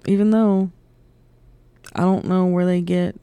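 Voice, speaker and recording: Southern gal on a podcast, lowish voice, laughs a lot, super dry sound. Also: female voice, flat delivery, unhurried, dark tone, clean tone, no room sound. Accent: Southern American. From southern United States. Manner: laughs often, loose and joking. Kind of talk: casual chat.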